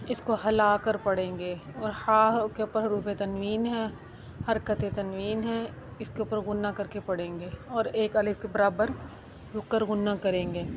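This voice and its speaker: Slow, even-toned woman teaching recitation. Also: medium pitch, background noise. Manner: slow, drawn-out syllable-by-syllable spelling, then quick explanations. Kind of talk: step-by-step recitation lesson.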